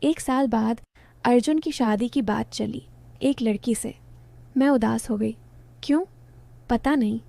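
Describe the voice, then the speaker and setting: A woman's voice: a little high, a little slow, creaky, mellow. Woman telling an emotional story. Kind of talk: first-person scripted narration.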